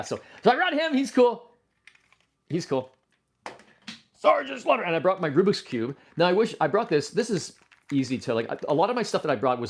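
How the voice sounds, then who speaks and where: A man hosting a casual livestream, excitable and rambling, often restarting his sentences and breaking into loud exclamations. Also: mid-range voice. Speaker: livestream host.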